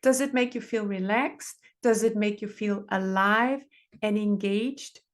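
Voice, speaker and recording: A woman's voice: mid-range voice, a little slow. A middle-aged woman therapist, giving earnest advice in conversation and repeating phrases for emphasis. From Denmark. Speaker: relationship therapist, podcast guest.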